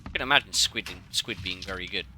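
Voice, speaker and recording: A man's voice: sits low, fast, bright, forceful tone, a little hiss or hum. A man commenting casually on a game as he plays, in an offhand, wry way. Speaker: gamer playing and commenting.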